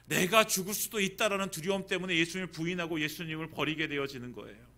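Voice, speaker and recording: A male pastor preaching a Sunday sermon in a church, swinging between hushed, intimate lines and loud, emphatic calls. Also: fairly high pitch, fast.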